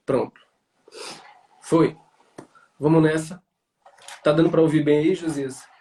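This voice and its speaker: A man's voice: on the high side, fairly even intonation, mellow. Bahian man hosting, roomy distant sound. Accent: Bahian Brazilian. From Bahia, Brazil. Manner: halting, repeats words as he thinks. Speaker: host of a live online interview show. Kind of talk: casual, conversational hosting. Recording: roomy echo, distant microphone.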